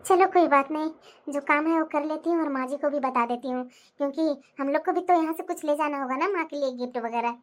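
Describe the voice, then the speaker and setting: A woman's voice: sits high, fast talker, natural voice. A woman voicing a young, outspoken daughter-in-law in a cartoon who talks back and chats freely. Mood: cheerful. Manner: protesting, chatty. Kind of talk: animated cartoon voice acting.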